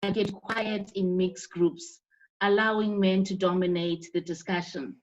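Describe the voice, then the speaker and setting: A woman's voice: mid-range voice, flat delivery, measured pace. Woman on a choppy, breaking-up video call. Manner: earnest, with frequent restarts. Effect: choppy, breaking-up video call connection. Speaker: panelist. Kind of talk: online panel discussion. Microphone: video call microphone. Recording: dull lo-fi video call audio.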